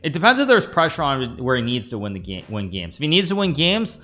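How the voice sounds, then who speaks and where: Over faint background music, a thirties-aged American man talks quickly and very animatedly in a mid-range voice that sounds pushed and bright. It's casual live-stream commentary: he plays chess, thinks out loud, and rambles through replies to chat.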